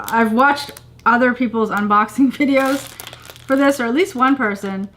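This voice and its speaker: A woman's voice: on the high side, noisy background. A middle-aged woman chatting casually to camera as she unboxes items, with gushing exclamations among plain remarks. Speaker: vlogger unboxing a subscription box. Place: indoors, home living room on a couch.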